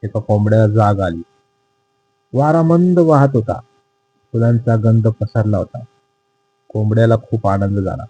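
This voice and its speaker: Man narrating a children's tale, sing-song cadence, slow and mellow. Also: fairly low pitch, breathy edge, rough recording. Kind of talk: reading a children's textbook story aloud.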